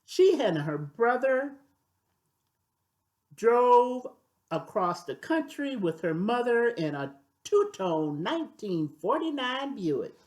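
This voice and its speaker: An older woman with a fairly high pitch reads a children's story aloud, deliberate and expressive as a storyteller should be.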